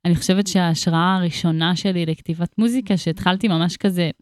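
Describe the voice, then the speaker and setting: A woman's voice: on the low side, fairly even intonation, clean tone, no room sound, clean studio sound. A young woman, a musician chatting casually as an interview guest, full of slang and fillers.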